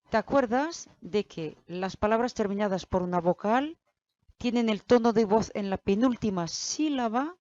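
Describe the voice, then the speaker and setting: Slow, deliberate woman teaching grammar. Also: medium pitch, a little mellow, dry recording. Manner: slow, deliberate explaining, addressing the learner directly. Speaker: Spanish teacher. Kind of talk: grammar lesson. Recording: dull, lo-fi, dry sound.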